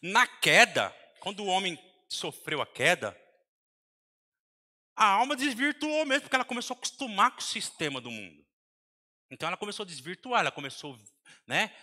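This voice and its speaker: A man with a Brazilian Portuguese accent preaching a sermon in a large church hall, breaking into sudden shouts between softer asides. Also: sits high. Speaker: pastor. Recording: long hall reverb.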